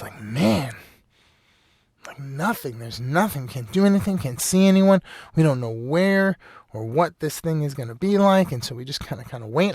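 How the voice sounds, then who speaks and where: A man's voice: mid-range voice, creaky, no echo, clean studio sound. A man hosting a casual solo podcast, rambling loosely with lots of "you know" and frequent laughs. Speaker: podcast host.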